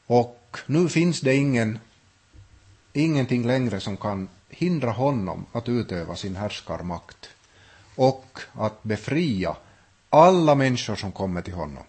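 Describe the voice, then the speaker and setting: A man's voice: mid-range voice, animated, a little mellow, husky. A man teaching a Bible study, thinking aloud with frequent restarts and hesitations. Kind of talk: unscripted Bible study talk.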